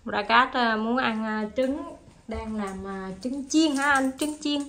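A woman's voice: on the high side, takes it slowly, fairly bright tone. Chatty Southern Vietnamese woman vlogger. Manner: chatty, addresses viewers directly. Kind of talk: casual home vlog narration.

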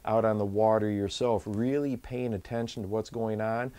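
A man's voice: lowish voice, warm tone. A man in his forties hosting a fishing channel, giving earnest, emphatic tips to camera from a small indoor studio and repeating words for stress. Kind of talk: instructional to-camera talk.

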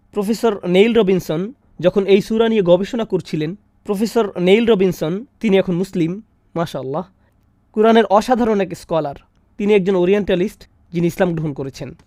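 A man with a notably high voice delivers a dubbed Quran commentary lecture. He talks expressively, reciting Arabic verses and acting out scenes. The recording is close and completely dry. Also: a little mellow, dry recording. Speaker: Bengali dubbing voice of a Quran lecturer.

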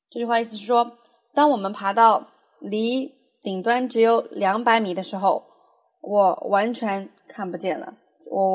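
A young adult woman teaching a language lesson, explaining patiently and reading foreign phrases aloud with frequent fillers. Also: a little high. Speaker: Spanish teacher.

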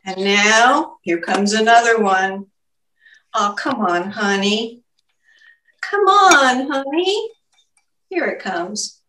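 A woman's voice: a little high, lively intonation, slow, long pauses, bright, forceful tone, slight background noise. An older woman hosting a casual home cooking demonstration, explaining each step aloud as she works. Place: home kitchen, indoors. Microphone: camera mic at a distance. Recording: echoey kitchen, distant mic.

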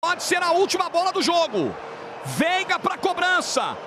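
A man with a Brazilian accent giving live football commentary, with long drawn-out goal yells. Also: very high-pitched, wildly swooping pitch, background noise. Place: broadcast studio. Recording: loud music and crowd behind.

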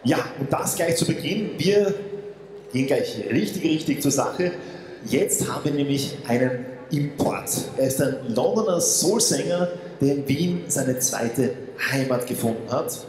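A man's voice: fairly high pitch, animated, measured pace, darkish tone. Male stage presenter in an echoey hall. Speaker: stage show host. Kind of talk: scripted stage presenting from cue cards. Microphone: handheld microphone. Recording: echoey hall PA with room noise.

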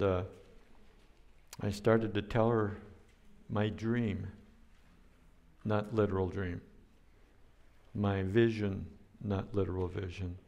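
An older man preaching a sermon as a pastor, speaking in a slow, deliberate way, with playful sound effects now and then. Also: on the low side, gravelly, a little mellow.

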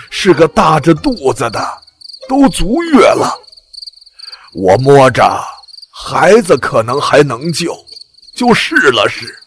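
Rough village dad, read by a man, slow, rising-falling voice, faint hiss behind. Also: a little high, fairly bright tone, exaggerated voice. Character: rough village father, plain-spoken and blunt. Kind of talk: audiobook character reading.

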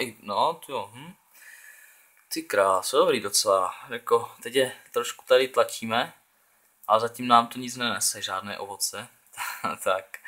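Chatty young man with a bright voice. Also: fairly low pitch. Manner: chatty, thinks aloud, urges on his players. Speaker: gaming channel host. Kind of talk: casual football game commentary.

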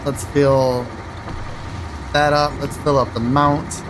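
A man's voice: medium pitch, flat delivery, takes it slowly, noisy background. A man casually commenting on his driving game as he plays, thinking aloud and rambling between choices. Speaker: gaming channel host.

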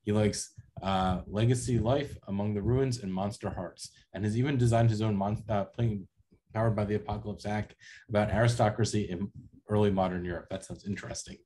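A man's voice: fairly low pitch, fairly even intonation, fairly quick, mellow, slight background noise. A man in his thirties hosting an online conference and introducing a speaker over a video call. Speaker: conference session host. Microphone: video call, close to computer.

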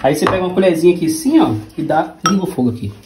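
His voice slightly high and expressive, a man in his thirties races through his talk while demonstrating home cooking on camera. He jokes and uses slang, speaking with a Brazilian Portuguese accent as a vlog host. Dishes clatter and noise echoes around the small home kitchen.

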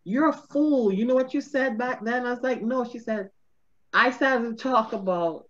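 A middle-aged woman comedian, appearing as a guest, tells stories in an animated webcam interview from a home room with a ceiling fan, gesturing a lot and laughing often. Her voice is on the high side at a moderate pace, and the video call audio sounds dull and lo-fi.

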